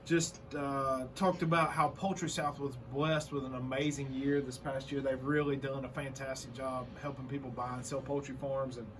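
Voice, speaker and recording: A man's voice: medium pitch, little pitch movement, normal speed, hardly any pauses. A man co-hosting a chatty show preview teaser in an upbeat, promotional way. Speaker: show co-host. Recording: faint background noise.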